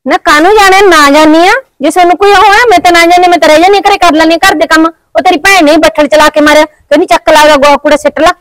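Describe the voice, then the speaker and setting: An actress playing a stubborn, bickering village schoolteacher wife in a family drama, with a Malwai Punjabi accent. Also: female voice, extremely high pitch, steady tone, fast talker, hardly any pauses, over a noisy crowd, poor audio. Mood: quarrelsome. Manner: sharp, bickering, defensive. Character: quarrelsome schoolteacher wife, stubborn adult woman. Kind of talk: village comedy drama acting.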